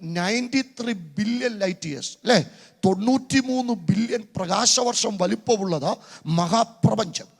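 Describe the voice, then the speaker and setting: A middle-aged pastor preaches a sermon with a very high, gravelly voice. He builds to shouted calls for the crowd to repeat after him. The sound carries a long reverb from a large conference hall. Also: unhurried.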